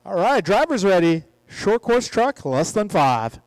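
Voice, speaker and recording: A man's voice: sits high, very animated, unhurried, a little hiss or hum, rough recording. A man announcing an RC car race at a track, calling out lineups and the action with casual jokes in between. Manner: casual, joking between calls. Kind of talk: live race commentary. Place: outdoor RC track.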